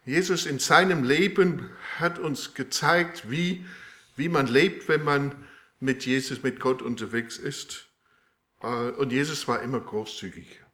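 A man preaching a sermon with a live demonstration, speaking in a halting way with many fillers and restarts. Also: mid-range voice, a bit bright. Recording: echoey room.

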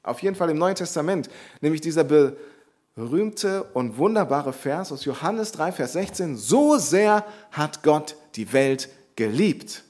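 A man's voice: fairly high pitch, darkish tone. Earnest man preaching a Bible sermon. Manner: earnest, explanatory, repeats key phrases for emphasis.

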